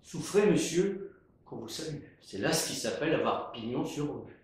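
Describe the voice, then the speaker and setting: A man's voice: mid-range voice, a little slow, lightly acted. A man acting a proud, witty swordsman in a theatrical verse monologue, declaiming like a hammy stage actor with grandly shifting tones. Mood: grandiose. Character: proud, witty swordsman Cyrano mocking insults about his big nose. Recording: very echoey, roomy sound.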